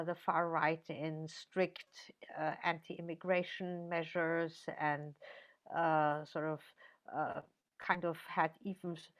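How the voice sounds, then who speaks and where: With a lowish voice, an older woman professor responds to an interviewer in a measured manner, often restarting and filling pauses.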